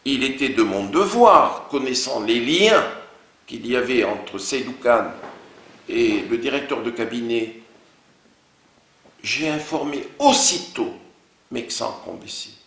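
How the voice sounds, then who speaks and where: A man recounts events for an interviewer in a gravelly, fry-edged voice, acting out each exchange as he goes. His voice sits in the middle range for a man. The room adds a clear echo around his words. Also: medium pitch, slow pace, pauses often. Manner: animated storytelling, quoting others' words in dialogue. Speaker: interview guest.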